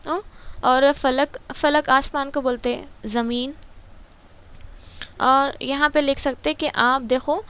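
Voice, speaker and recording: With a high-pitched, fairly bright voice, fairly even intonation, and long pauses, a woman teaches from a grammar textbook in a relaxed lesson. She repeats words and poses questions only to answer them herself.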